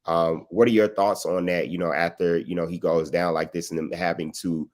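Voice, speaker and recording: A man's voice: sits low, little pitch movement, normal speed. A man hosting a casual sports talk show, asking long rambling questions full of fillers.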